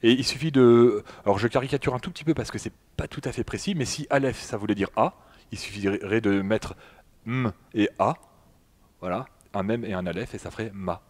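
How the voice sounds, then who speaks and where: A man's voice: on the low side, a little fast, a little mellow. Hesitant French man giving a lecture. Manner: hesitant, many fillers and restarts, addresses audience. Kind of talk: public talk with slides. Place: public hall in front of an audience.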